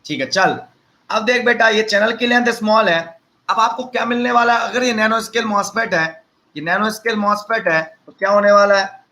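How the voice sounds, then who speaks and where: A man's voice: sits high, moderate pace, sharp tone, low-quality recording. A man, teaching a live online lecture and mixing chatty, teasing asides to his students into the explanation.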